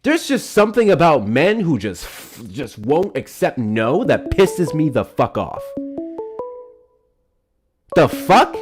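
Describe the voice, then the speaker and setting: A young man hosting a live political call-in stream, blunt and profane, quick to anger. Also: a little high, very animated, soft background music. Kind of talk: heated live call-in talk.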